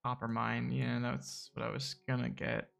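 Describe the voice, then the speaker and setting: Male streamer, mid-pitched with a gravelly fry, relaxed and halting while he plays. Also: faint music behind. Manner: easygoing, chuckling, hesitant with many fillers. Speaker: game streamer playing the strategy game. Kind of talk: casual live-stream gameplay chat.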